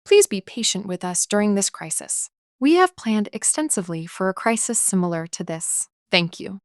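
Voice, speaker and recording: Woman, mid pitch, reading a recorded phone greeting, calm and clear, dry close sound. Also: normal speed, dry recording. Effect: recorded phone greeting played back. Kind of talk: calm scripted announcement.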